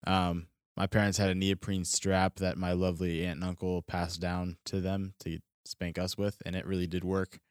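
In a studio, a young man from Florida who co-hosts a podcast tells a casual story in a deep, smooth, flat voice at a moderate pace with hardly any pauses. He rambles, restarts sentences, and fills gaps with "um" and "like." The sound is close and dry with no room echo.

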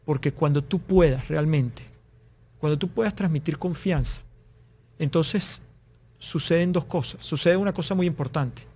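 A man with a somewhat high voice talks through business advice as an interview guest. He explains earnestly and voices short back-and-forth exchanges as examples. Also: moderate pace, darkish tone, slightly rough. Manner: explains with examples, acting out little dialogues. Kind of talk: conversational interview.

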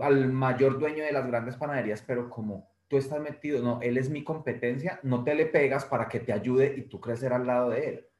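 A man co-hosting a relaxed talk show, recorded in a room with clear echo. He speaks at an ordinary pitch for a man and tells anecdotes in a storytelling manner, slipping into lively character voices for the people in his stories. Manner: storytelling, acts out quoted voices with lively shifts. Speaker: podcast co-host. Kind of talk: casual conversation. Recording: roomy echo.

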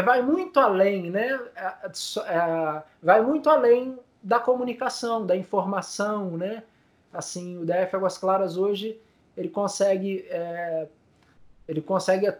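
A man speaks in a fairly high voice, telling stories to an interviewer. He sounds tearful and choked up. He stumbles, repeats words and fills his pauses as his voice breaks. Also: darkish tone. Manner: many fillers, repeats words. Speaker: guest, community news group founder. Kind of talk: emotional storytelling in interview.

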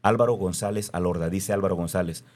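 Earnest Mexican man, low mellow voice. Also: steady tone, fast. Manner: earnest, emphatic, repeats phrases for stress. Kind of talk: reflective conversation.

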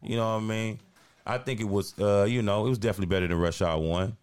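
A man's voice: fairly low pitch, fairly even intonation, quick pace, a little mellow, clean tone. A man co-hosting a podcast in casual chat, laid-back and slangy, often tagging on "you know what I mean". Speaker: podcast co-host.

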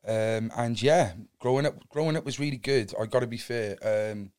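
A podcast guest from Cardiff, Wales, in his thirties, candidly recounts his life in a rambling, earnest way with his local Welsh accent. The voice is mid-range and clean with a darkish tone, moving at a moderate pace.

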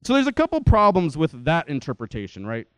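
A young adult man giving a lecture-style talk in a lively, conversational way, often checking in with his listeners. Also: fairly high pitch, a little fast, clear, resonant tone, no echo. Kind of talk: lecture to an audience.

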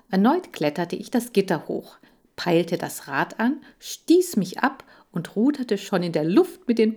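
Slow, low-voiced woman reading a storybook. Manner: lively, playful reading. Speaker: audiobook reader. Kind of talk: expressive storybook narration.

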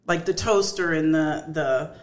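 A woman co-hosting a casual podcast chat, animated, laughing often and acting out what others say. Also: low voice, a little slow. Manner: animated, laughs often, acts out quoted voices. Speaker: podcast co-host.

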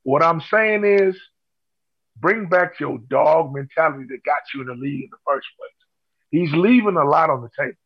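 A man makes emphatic, profane points in a sports chat. His voice is husky and dry, and the lo-fi recording dulls the sound. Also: a little high, lively intonation, moderate pace, dry recording.

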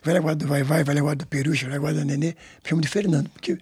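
A man's voice: fairly high pitch, fairly even intonation, very fast, darkish tone. A man in his sixties from Brazil with a São Paulo Portuguese accent, a samba school director telling stories in a rambling way with many repeats and tag questions. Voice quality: gravelly and husky. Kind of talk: storytelling interview.

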